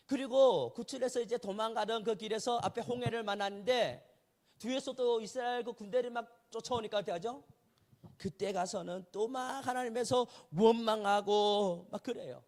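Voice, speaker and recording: High-voiced Korean pastor preaching. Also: male voice. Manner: conversational preaching with rhetorical questions. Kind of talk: sermon. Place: church sanctuary.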